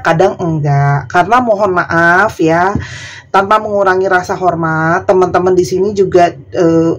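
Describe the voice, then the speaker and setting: A woman from Indonesia doing a tarot reading in a chatty, casual way, sometimes soft and dreamy, sometimes firm. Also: lowish voice, slight background noise. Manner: chatty, soft and dreamy at times, laughing asides. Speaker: tarot reader.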